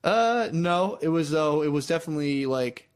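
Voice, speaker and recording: A young man in casual podcast banter, crude, excitable and quick to laugh. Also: a little high, clear, resonant tone. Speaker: podcast co-host. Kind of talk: casual chat.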